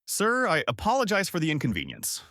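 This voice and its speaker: A man's voice: on the high side, huge pitch swings, brisk, bright, forceful tone, no room sound, clean studio sound, voice pushed up, exaggerated voice. A man voicing a flustered, pompous male cop who sputters defensively.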